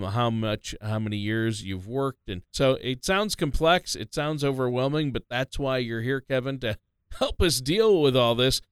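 A man co-hosts a money show on talk radio, cheerfully summing up and handing questions over to the host. His voice is smooth and resonant, with a dry, close studio sound. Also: mid-range voice, fairly bright tone, dry recording. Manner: upbeat, recaps and sets up questions.

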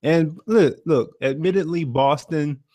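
A man co-hosting a podcast, talking sports in an animated, slangy, joking way. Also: on the high side, unhurried, dry recording. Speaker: podcast co-host. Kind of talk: casual chat about sports.

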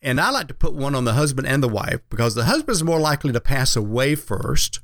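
A male financial advisor talks on a radio show in a folksy, conversational way, explaining as he goes. His pitch is medium and the sound is dry and close. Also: big pitch swings, fast, a bit bright, dry recording.

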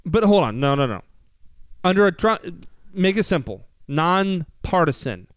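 An American male talk host with a high, clear voice. He explains things conversationally, posing rhetorical questions and repeating words for emphasis, in a very dry studio sound. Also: big pitch swings, measured pace, dry recording. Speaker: financial radio show host.

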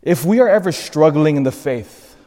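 A priest reading the gospel and preaching earnestly in a cathedral echo, building emphasis through lists. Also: male voice, a little high, lively intonation, normal speed, dark tone. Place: large church. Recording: long reverb of a large church.

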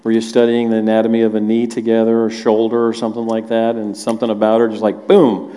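A man's voice: on the low side, monotone, fast, dark tone. A man hosting a church stage interview, friendly and joking as he questions his guests. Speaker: host and church elder. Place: church auditorium. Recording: reverberant hall.

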